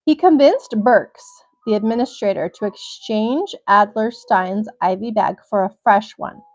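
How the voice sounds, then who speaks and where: A woman's voice: medium pitch, measured pace, a little mellow. A young woman hosting a livestream, reading a crime article aloud and cutting in now and then with blunt, swearing reactions. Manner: reads steadily, breaks off with blunt swearing reactions. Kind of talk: reading aloud with personal asides.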